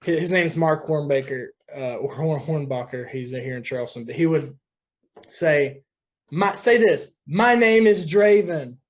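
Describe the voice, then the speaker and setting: A man's voice: medium pitch, moderate pace. A young man from West Virginia, a guest musician talking loosely in a casual podcast chat, often saying dude.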